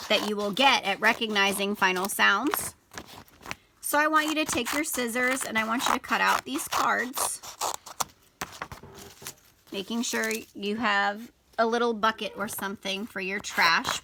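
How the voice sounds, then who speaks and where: A woman teacher giving step-by-step instructions to young children in simple, deliberate phrases, stressing example words and sounds. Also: medium pitch, creaky, background noise. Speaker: elementary school teacher. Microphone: video camera.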